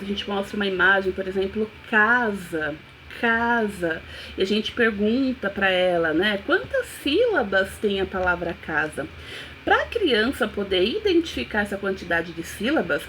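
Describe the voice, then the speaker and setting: A woman's voice: a little high, fairly bright tone, slight background noise, rough recording. A woman, a neuropsychopedagogue, giving a casual teaching talk with a chatty, explanatory manner. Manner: chatty, explanatory, many "né" fillers.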